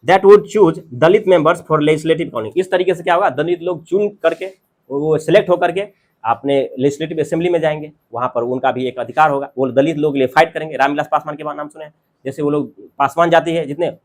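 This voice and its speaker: A man with a somewhat high voice lectures to his students. He speaks English with an Indian accent. He reads each English line slowly and then explains it in Hindi with examples from daily life. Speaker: teacher.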